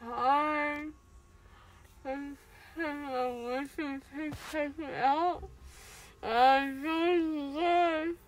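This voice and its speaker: A woman's voice: high-pitched, fairly even intonation, very slow, pauses often. A young woman with her mouth stuffed with gauze, groggy from anesthesia, slurring and mumbling her words. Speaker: vlogger. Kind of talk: casual vlog footage. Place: inside a car on the road. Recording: muffled, with faint road noise.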